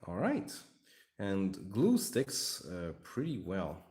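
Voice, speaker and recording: Assembling a miniature on his livestream, a Hungarian hobby host keeps up a rambling, joking conversation with his chat. He speaks slowly in a low, darkish voice whose pitch swoops wildly, and there is echo in the room.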